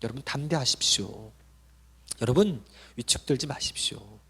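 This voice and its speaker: A man's voice: mid-range voice, lively intonation, normal speed, a bit bright, slightly rough. A male pastor preaching a sermon with impassioned emphasis, addressing the congregation directly.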